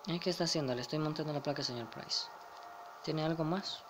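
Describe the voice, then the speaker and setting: A man's voice: a little high, a little fast, noisy background. A young man with a Spain Spanish accent commenting casually over a game, chuckling and reading the dialogue aloud. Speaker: gamer. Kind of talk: let's play commentary.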